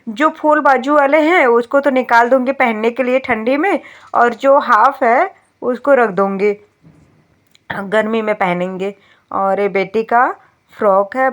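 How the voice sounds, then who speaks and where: A woman in her thirties with a sore throat, chatting casually to viewers as she narrates a home vlog. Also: on the high side. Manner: chatty, addresses viewers as friends. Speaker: vlogger.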